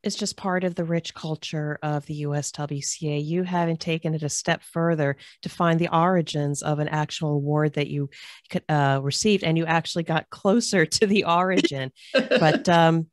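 A woman's voice: deep voice, moderate pace, no echo, studio quality. A middle-aged woman interviewing a guest over a video call, speaking into a desk mic from a home office in an encouraging, polished way. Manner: warm, encouraging, polished phrasing. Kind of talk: friendly recorded interview. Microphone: microphone at desk on a video call.

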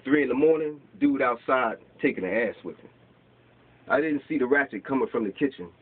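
In a small bookstore, a man in his forties takes the open mic to read his rhyming spoken word poems from papers, his mid-range voice brisk and slightly rough. He delivers them rhythmically while gesturing. The tinny lo-fi audio comes from a camera placed across the room.

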